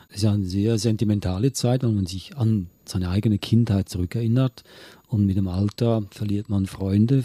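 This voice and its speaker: A man from Switzerland with a Swiss German accent, reading poems aloud and chatting in a gentle, reflective way. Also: lowish voice, husky, no echo. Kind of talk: casual conversation and poem reading.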